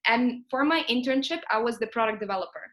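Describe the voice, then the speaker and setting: A woman's voice: fairly high pitch, expressive, fast. A young woman from Ukraine speaks in an interview over a video call. She talks with frequent "uh"s, restarts and self-corrections as she explains her career. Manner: hesitant, many fillers and self-corrections. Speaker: alumna guest. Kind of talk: conversational interview.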